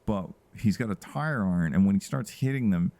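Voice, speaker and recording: A man's voice: lowish voice, lively intonation, a little fast, mellow, no room sound. A man co-hosting a podcast, chatting casually about a film and laughing often. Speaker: podcast co-host. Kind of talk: casual movie review chat.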